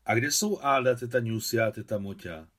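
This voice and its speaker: A man's voice: medium pitch, a bit bright, natural voice. A man reading aloud who voices an eager, curious little village boy.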